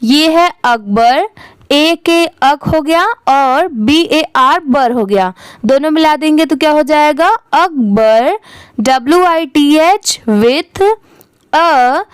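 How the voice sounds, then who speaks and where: A young woman teaches English reading in a high, unhurried voice. She spells each word out letter by letter, then asks and answers her own question about how it is said. The sound is close and dry. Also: no echo.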